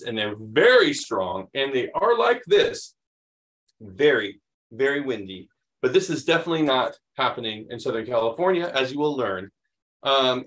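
Hosting a children's read-aloud, a middle-aged American man reads a picture book to young kids in an animated, expressive way and adds chatty explanations. His pitch is medium and the recording is rough.

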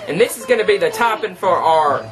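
Here a man's high voice has lively intonation and a slightly fast pace. Cast as a campy, thrifty trailer park queen, this cooking show host cheerfully teaches a folksy, tongue-in-cheek home recipe in a small kitchen. A distant camera microphone captures him with music playing behind.

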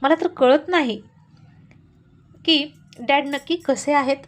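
A woman's voice: sits high, slow pace. Woman doing a pouting, lazy college girl. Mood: complaining. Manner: complaining, whiny.

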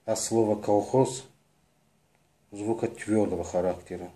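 A man slowly narrating a lesson on word sounds, spelling out each sound one by one in a measured, deliberate way. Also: on the low side, fairly even intonation, warm tone. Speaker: lecturer on word origins. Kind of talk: slow explanatory narration.

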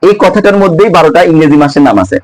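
A man's voice: on the high side, poor audio. Man teaching English month names to students. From Bangladesh. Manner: asks students questions and repeats each word slowly. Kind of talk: spoken English pronunciation lesson to students.

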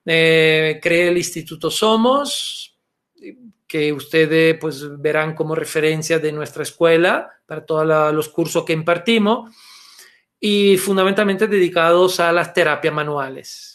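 Speaking Spanish over a webcam video call, a middle-aged Italian man whose first language is Italian gives a webinar lecture as a therapy instructor. His notably high, fairly bright voice holds a steady tone as he explains patiently, filling pauses with little "eh"s and checking in with "¿ok?"

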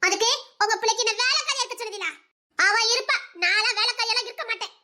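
This is a spoiled, haughty young rich woman who answers in an indignant, petulant way, as a woman acts her out. Her voice is shrill, very high and bright. It is an audio drama performance. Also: racing, heavily acted.

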